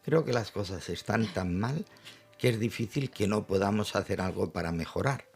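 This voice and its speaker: An older man, a psychologist guest in a panel discussion, speaking in a measured, reflective way and laying out his points in order. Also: lowish voice, expressive, vocal fry, a little mellow.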